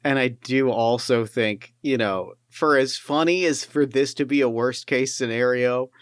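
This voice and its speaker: This male game master has a smooth, resonant mid-range voice and a measured pace as he casually runs a tabletop session. His delivery rambles, full of fillers and false starts. The recording is close and dry, with no echo at all.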